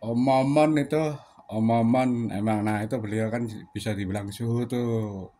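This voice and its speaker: Over a little hiss or hum, this Surabaya man hosts a ham radio channel, chatty and leaning on many fillers while closing each turn with "ganti". He is from Indonesia, and his mellow, medium-pitched voice keeps a steady tone at a moderate pace.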